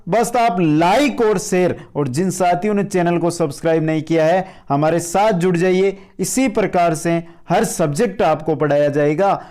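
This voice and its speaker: A man's voice: sits high, moderate pace, hardly any pauses, darkish tone. A man teaching a grammar lesson to viewers of his video channel. He explains step by step, keeps asking rhetorical questions and calls his viewers friends. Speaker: online Hindi grammar teacher.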